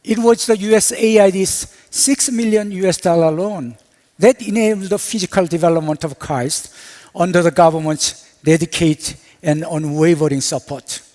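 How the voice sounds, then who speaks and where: Man, university president, ceremonial welcoming address, high-pitched, long hall reverb. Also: darkish tone. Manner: measured, ceremonial delivery. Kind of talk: formal welcoming speech. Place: symposium stage.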